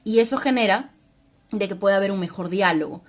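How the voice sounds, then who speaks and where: A woman's voice: medium pitch, brisk. A woman psychologist, giving an informal live-stream talk. She explains patiently and often closes phrases with a questioning tag. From Peru. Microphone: livestream mic.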